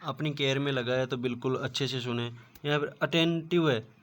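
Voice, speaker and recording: A man's voice: medium pitch, steady tone, moderate pace, slight background noise. A man teaching an online class, explaining step by step and often repeating filler words. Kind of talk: online lecture.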